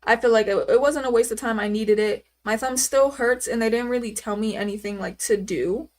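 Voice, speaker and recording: A woman's voice: a little high, fairly even intonation, fairly quick, a little mellow. A woman in her twenties chatting casually on a live stream, rambling and answering viewers' questions with lots of fillers. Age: 20s. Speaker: livestreamer.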